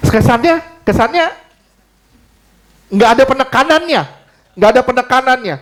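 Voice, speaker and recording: A man's voice: very high-pitched, expressive, moderate pace, a bit bright. A man preaching a sermon in church, emphatic, asking the congregation questions and mixing in casual slang. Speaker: pastor.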